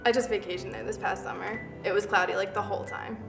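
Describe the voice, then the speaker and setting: A woman playing an intense young vampire-romance superfan and club founder who gushes in rapid bursts. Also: mid-range voice, steady tone, vocal fry, natural voice. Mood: gushing. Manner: gushing, rapid-fire. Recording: echoey room, mic far off. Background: background music.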